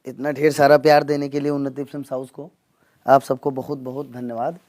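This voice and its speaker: A man from the Gonda region, a comedian answering interview questions earnestly, with pauses and fillers. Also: mid-range voice, flat delivery, darkish tone. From Gonda region, northern India. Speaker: comedian and mimic, interview guest.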